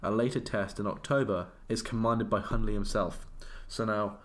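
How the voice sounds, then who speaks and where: A man's voice: on the low side, steady tone, moderate pace. Playful man telling history stories. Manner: playful, self-interrupting, restarts often. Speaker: podcast co-host. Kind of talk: casual comedic history storytelling.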